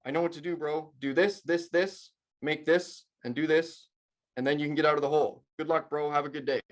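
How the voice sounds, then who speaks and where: A man's voice: fairly high pitch, fairly even intonation, fairly quick, natural voice. A man doing a breezy, offhand doctor. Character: confident, casual male doctor.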